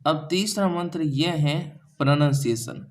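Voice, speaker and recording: A man's voice: on the high side, measured pace. A man from India with a Hindi accent teaching an English class, often asking the students a question and then answering it himself. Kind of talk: classroom lesson explaining grammar and pronunciation.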